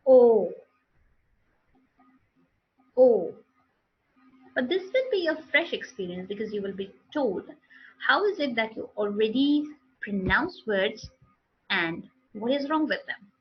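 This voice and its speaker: A woman with an Indian English accent leads a pronunciation lesson at a very slow, deliberate pace, saying each model word and sentence twice. Her voice is husky and sits fairly high, and the recording sounds dull and lo-fi.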